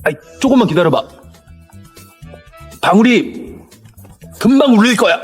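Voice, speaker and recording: A man's voice: sits high, expressive, a little slow, breathy edge, soft background music, full character voice. A young man acting a flustered, anxious character in an audio drama, muttering hesitantly. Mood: placating.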